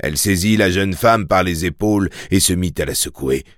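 A man reading a novel aloud in measured, steady scripted narration. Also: low-pitched, no room sound, clean studio sound. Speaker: audiobook narrator.

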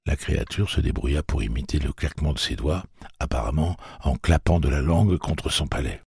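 A man reading an audiobook story in a measured, steady way. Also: very deep voice, vocal fry, husky, no room sound, studio quality. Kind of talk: audiobook narration.

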